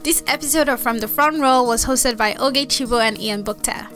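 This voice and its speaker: A woman in her twenties co-hosting a casual podcast from a studio, chatty and quick to laugh. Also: on the high side, soft background music. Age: 20s. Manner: bright, chatty, laughs easily. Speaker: podcast co-host.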